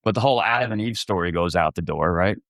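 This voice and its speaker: Low-voiced man with a close, dry sound. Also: fairly bright tone, no room sound. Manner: curious, quick to agree, chuckles often. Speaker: podcast co-host. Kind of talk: casual chat.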